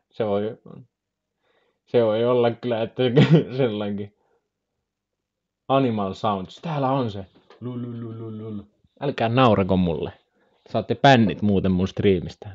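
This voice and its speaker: A man's voice: fairly low pitch, lo-fi sound. A young man from Finland chatting casually on a live stream, joking, rambling and trying out animal sounds.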